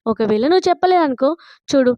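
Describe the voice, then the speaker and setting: A smitten, pushy young male CEO from a romance drama recap, quoted by a woman. He is given a high, quick voice and clipped, dry delivery. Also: expressive, no room sound, lo-fi sound. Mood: insistent. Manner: quoted plainly in the narrator's own voice.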